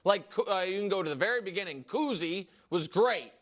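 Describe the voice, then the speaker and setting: A man hosting a studio sports debate, arguing his point with quick restarts and energy. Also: high-pitched. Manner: animated, argumentative, quick restarts.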